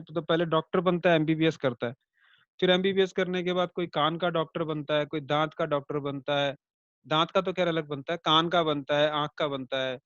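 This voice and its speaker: A man with a high-pitched voice teaches an online astrology class in a chatty way. He checks in with rhetorical questions and makes his points through homely comparisons. The recording is dry and a little dull and lo-fi. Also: fairly bright tone, smooth, dry recording. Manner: conversational, with rhetorical check-ins to students; explains by everyday comparisons and light jokes.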